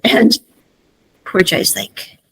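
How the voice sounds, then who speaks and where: A woman's voice: very slow, poor audio. A woman giving a chatty recap of a drama series, laughing often and acting out the characters' lines. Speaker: series reviewer. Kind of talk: casual recap and commentary.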